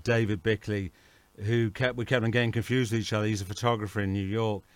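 A man from England with a lowish voice chats easily as a guest over a video call. He laughs freely, and the sound is dry and close-miked. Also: fast talker, clean tone, no room sound. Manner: relaxed, chatty, laughs easily. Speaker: guest artist.

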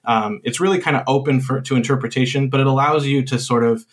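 A game designer appears as a podcast guest and explains his game in a casual interview chat. His voice is medium-pitched and steady, and he talks fast, rambling along with lots of "uh"s and restarts.

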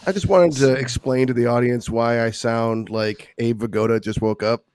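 A man's voice: mid-range voice, steady tone, normal speed, darkish tone, clear, resonant tone, no echo, clean studio sound. A man co-hosting a movie podcast while sick and congested, laid-back and joking. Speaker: podcast co-host. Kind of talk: casual chat.

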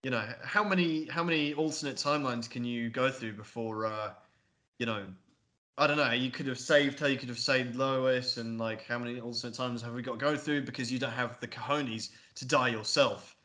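A man co-hosting a podcast, chatting casually about a film in a rambling, excitable way with lots of swearing. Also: medium pitch, moderate pace. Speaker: podcast co-host. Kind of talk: casual film review chat.

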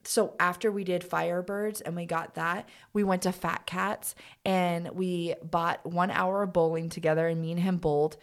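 A young adult woman co-hosting a casual podcast, animated and full of fillers as she chats. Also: on the low side, moderate pace, hardly any pauses. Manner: animated, bubbly, lots of fillers. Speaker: podcast co-host. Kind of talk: casual chat.

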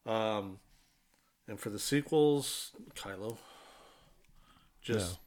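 A man with a somewhat low voice chats in a relaxed, unhurried way. He hesitates often and lets his sentences trail off. It is loose podcast talk among friends. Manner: laid-back, hesitant, trails off with ums. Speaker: podcast co-host. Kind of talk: casual chat.

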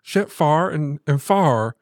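A man from the American South tells a family anecdote on a podcast. He talks casually and puts on quick impressions of the people in the story. The recording is dry and close-miked, with no room sound. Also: a little high, no echo. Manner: animated storyteller, acts out quoted voices. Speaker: podcast co-host.

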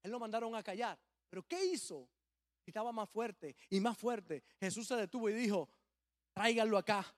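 A man preaching a sermon as a pastor, swelling suddenly loud and acting out the people he quotes. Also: high-pitched, expressive, moderate pace.

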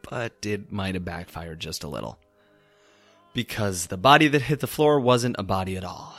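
An actor playing a short-tempered, sarcastic private eye in an audio drama, with a brusque, tough-talking manner. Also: male voice, low voice, expressive, normal speed, fairly bright tone, dry recording, soft background music, heavily acted. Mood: wry. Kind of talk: audio drama acting with first-person narration.

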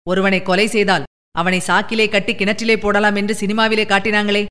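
A woman narrator voicing a frightened young village man who shouts in agitation. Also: medium pitch, little pitch movement, a little fast, big-room sound, natural voice. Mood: flustered.

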